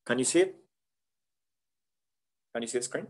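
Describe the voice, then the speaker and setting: A man's voice: medium pitch, animated, normal speed, a little mellow. A man from Colombia, a career counsellor presenting an online webinar over a video call, earnest and chatty, dotting his talk with "yeah?" and "right?".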